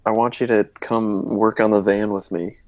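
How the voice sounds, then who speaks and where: A man's voice: fairly low pitch, flat delivery, normal speed, darkish tone, dry recording. A man speaking bluntly and casually in a group voice chat.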